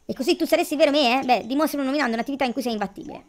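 A woman's voice: high-pitched, very fast, pitched above the performer's own voice, lightly acted. A woman reading aloud the lines of a boastful male gorilla villager from a cartoon life game. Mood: mocking.

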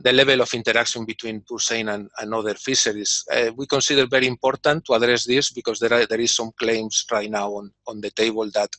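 With a medium-pitched voice that comes across pushed and bright, an industry representative reads a prepared keynote over a video call. The audio has no room sound, and he leans heavily on fillers and repeated words.

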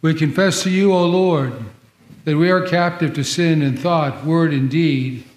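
A man serving as pastor, leading the liturgy in a measured, solemn recitation, with a cathedral echo around his voice. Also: on the high side, steady tone, darkish tone. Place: large church sanctuary. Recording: echoey church sanctuary.

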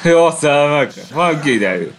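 A man commentating his own game playthrough, calm and hesitant between fights and yelling at the screen during them. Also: on the high side, a little hiss or hum. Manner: hesitant with filler pauses when calm. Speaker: gameplay commentator. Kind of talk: let's play commentary.

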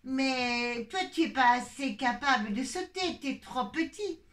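A woman's voice: high voice, expressive, a little slow, fairly bright tone. A woman puppeteer voicing a vain, boastful little boy teddy bear in a children's puppet show, in a sing-song childish voice. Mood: bragging.

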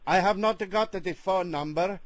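A man putting on a halting Italian ex-con. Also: high-pitched. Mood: bumbling. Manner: halting, full of uh fillers, broken grammar. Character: hesitant Italian ex-convict man in broken English. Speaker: prank caller. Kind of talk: prank phone call in character.

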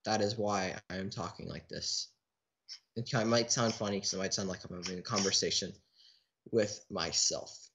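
A man's voice: low voice, fairly even intonation, a little fast, a bit bright. A man giving casual let's play commentary, chatting in a restless way with a teammate who cannot be heard. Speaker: gaming channel host.

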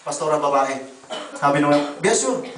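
A man preaching a sermon as pastor, telling testimonies in an animated way and calling listeners brother and sister. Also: on the high side, normal speed, a little hiss or hum. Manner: animated, voices quoted people, addresses congregation as brother and sister. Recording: echoey room, voice from a distance.

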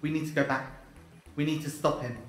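A man playing a clever, whimsical, resolute time-travelling adventurer in an audio drama, theatrical and quick-witted. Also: fairly high pitch, steady tone, faint music behind, lightly acted. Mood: urgent, resolute.

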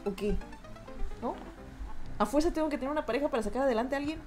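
Soft music plays behind this high-pitched, fast-talking young woman, whose voice has a slightly mellow quality. Speaking with a Mexican accent, she plays a game live, reads her chat out loud, and swears and laughs often in a rowdy way.

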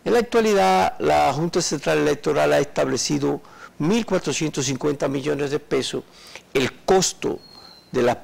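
An older man, a political party delegate, explaining in a measured way during a TV studio interview, recorded on a lapel mic. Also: mid-range voice, creaky, breathy edge, rough recording. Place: TV studio set.

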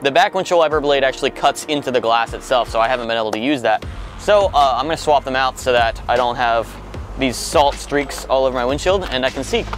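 A man casually explaining things while driving on a road trip, relaxed with frequent fillers. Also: mid-range voice, fast talker, soft background music. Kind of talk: casual vlog commentary. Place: inside a car on the highway.

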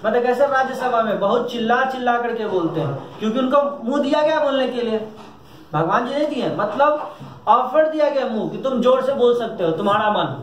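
A man's voice: very high voice, lively intonation, a little fast, fairly bright tone. A man teaching a classroom lesson in a joking way, often stopping to ask if the class has understood. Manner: jokey, asks checking questions. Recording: echoey classroom from a distance.

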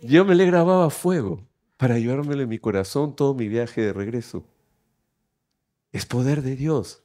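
A man's voice: medium pitch, lively intonation, moderate pace, mellow. A man preaching a sermon, asking the congregation questions and reading scripture aloud. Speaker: pastor. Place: church auditorium.

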